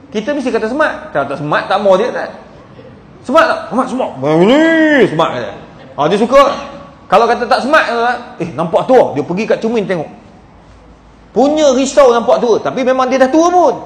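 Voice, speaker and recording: Malaysian Malay man preacher, very high voice, storytelling sermon, long hall echo. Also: animated, a little fast. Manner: storytelling, addresses audience as tuan-tuan. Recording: echoey hall.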